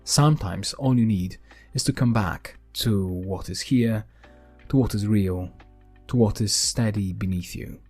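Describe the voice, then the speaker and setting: A man hosting a podcast in a calm, gentle, unhurried way, narrating a scripted grounding exercise with deliberate pauses. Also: lowish voice, slightly rough, soft background music. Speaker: podcast host.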